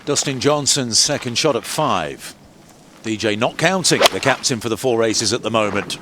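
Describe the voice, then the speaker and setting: A man commentating on live golf as a play-by-play announcer, moving between measured description and excited lifts. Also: mid-range voice, heavy background noise. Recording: commentary over music and outdoor ambience. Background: music.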